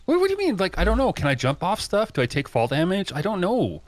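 A man's voice: high-pitched, wildly swooping pitch, quick pace, no room sound. A man playing a co-op survival game as a guest, giggly, puzzled and easily amused. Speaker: co-op guest player. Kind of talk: casual let's-play banter.

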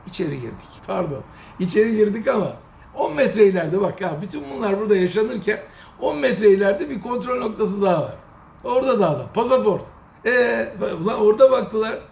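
A middle-aged man from Turkey telling a travel story in a casual, animated monologue, getting indignant and briefly mimicking officials. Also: sits high, vocal fry. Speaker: host. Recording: echoey room with faint ambient noise.

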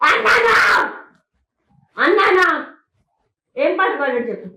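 In an echoey amateur recording that leaked out, a woman argues heatedly, her voice extremely high and sing-song. She keeps a measured pace, and her bright, forceful tone presses the same points again and again.

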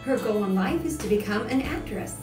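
A woman's voice: mid-range voice, lively intonation, fairly quick. A woman emceeing a pageant on stage, announcing contestants in a bubbly, sing-song manner. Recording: roomy PA from far off. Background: music and crowd.

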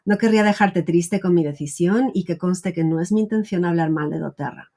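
A woman around forty speaks in a slightly low, mellow voice. She talks straight to the viewer in an earnest, explanatory vlog style, as the host of her own channel. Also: a little fast. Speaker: YouTube channel host, wellness educator. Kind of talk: direct-to-camera explanatory vlog talk. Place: small wood-panelled home office, indoors.

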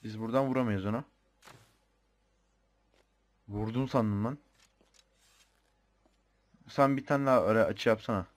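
A man's voice: fairly low pitch, measured pace, long pauses. A young man with a Turkish accent giving casual commentary on his own gameplay, chatty and thinking aloud, muttering the odd mild swear. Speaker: gamer.

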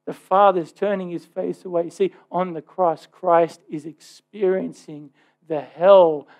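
A man preaching a sermon in church, moving from loud emphatic lines to quiet hushed ones. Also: sits high, fairly even intonation, measured pace. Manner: dramatic, swings from loud to hushed.

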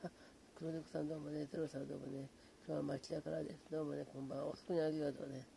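A man keeps his voice hushed while he chats late at night from a small apartment room. His tone is mellow and unhurried, and he drifts easily from greeting viewers to relaxed chatter. A faint hiss sits under the voice. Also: vocal fry. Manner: hushed, low-volume talk; relaxed, rambling, fond of fillers like うん. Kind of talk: casual late-night chat.

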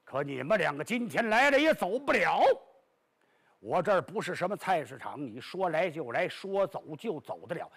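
A male storyteller voicing a stern, threatening island chief who barks orders, with a raspy voice. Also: fairly high pitch, big pitch swings, normal speed, fairly bright tone, voice pushed down, heavily acted. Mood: menacing. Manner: cold, threatening, commanding.

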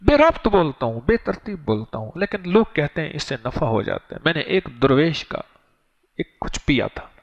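Male preacher, somewhat high voice, slow chanted prayers, muffled lo-fi sound. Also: sing-song. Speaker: religious teacher. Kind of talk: sermon.

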